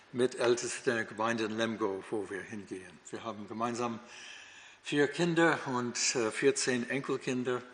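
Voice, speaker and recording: Long hall reverb colours the mid-range, slightly bright voice of an older American man from the United States. A native English speaker, he teaches the Bible in German with hesitation, many fillers and frequent restarts.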